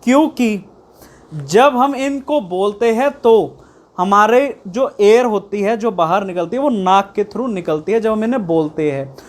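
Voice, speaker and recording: A woman gives a video lesson at an unhurried pace, with a voice of middling pitch. She draws out every example sound slowly and keeps checking in with her students. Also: expressive. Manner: drawn-out sounding of letters, frequent "theek hai" checks. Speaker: shorthand teacher.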